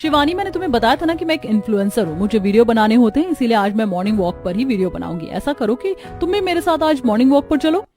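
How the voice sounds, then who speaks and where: High mocking young city woman show-off, voiced by a woman, cartoon. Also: animated, quick pace, hardly any pauses, a little mellow, faint music behind, natural voice. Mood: bossy. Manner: mocking, showy.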